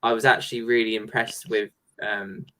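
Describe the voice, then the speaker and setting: Male co-host for a casual panel chat, bright tone, eager and fast in bursts. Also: fairly low pitch, flat delivery, rough recording. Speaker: podcast co-host.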